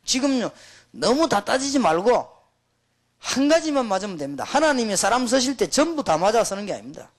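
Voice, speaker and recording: A man's voice: very high voice, big pitch swings, fairly quick. A middle-aged man, preaching to pastors in an emphatic, storytelling way. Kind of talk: sermon to pastors.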